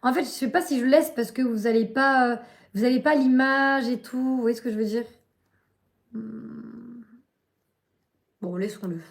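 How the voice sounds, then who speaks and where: A woman's voice: a little high, normal speed, gravelly, pauses often. A young woman live-streaming from her bedroom, chatting casually and ranting in slangy speech, often adding a tag "hein".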